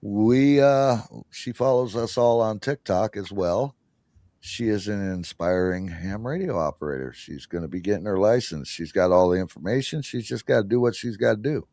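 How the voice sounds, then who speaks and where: A man with a fairly low voice spins a long story for his podcast in easy, casual chat. He stops and restarts himself and laughs along the way. The sound is dry and close, with no room around it. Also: moderate pace, mellow, no echo. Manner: rambling, self-interrupting storyteller who laughs often. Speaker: podcast host.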